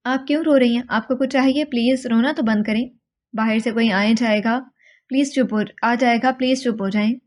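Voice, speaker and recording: A woman voicing a quiet, obedient housemaid who speaks softly and with restraint. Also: a little high, steady tone, lightly acted. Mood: anxious. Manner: soft and restrained.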